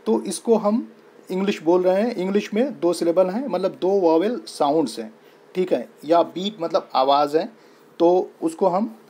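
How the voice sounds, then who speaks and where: A young man with an Indian accent and a high-pitched, mellow voice explains a lesson in a mix of Hindi and English. He is patient and repetitive, spelling words out letter by letter.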